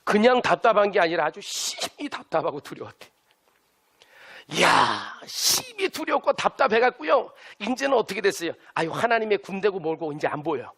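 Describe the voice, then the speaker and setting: A man's voice: high voice, very animated, a little fast, a bit bright. A male pastor preaching a sermon with emphatic delivery, having the congregation repeat lines to their neighbors. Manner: has listeners turn and repeat lines to neighbors.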